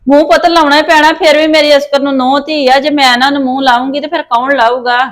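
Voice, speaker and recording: A woman's voice: high voice, level tone, fast, close to an everyday voice. A woman with a Punjabi accent playing an anxious older mother-in-law who pleads and frets over her family. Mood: worried. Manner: pleading, worried, calls others "putt".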